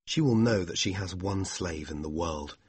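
A man voicing a sincere, devoted young man, speaking slowly and earnestly. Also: sits low, slightly rough, no echo.

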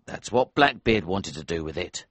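A man playing an older, steady protector with a very deep, husky voice. He speaks slowly and gravely, reassuring the young hero in a storybook reading, with a dry, close sound. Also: dry recording, heavily acted.

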